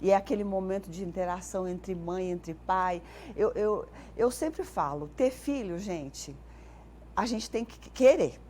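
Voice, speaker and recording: A Brazilian woman speaking as a guest on a morning TV show, explaining in a clear, teacherly way and playfully mimicking animal and nature sounds. Her voice sits at a medium pitch. A faint hiss of noise runs underneath. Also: measured pace. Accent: Brazilian Portuguese. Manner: explanatory, animated when acting out sounds for children. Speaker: speech therapist guest.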